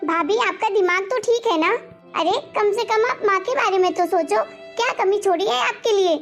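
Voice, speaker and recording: A woman's voice: very high-pitched, normal speed, soft background music. A woman doing a protective grown daughter. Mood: indignant. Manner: reassuring, then scolding. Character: caring adult daughter, protective and firm. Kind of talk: animated family story voicing.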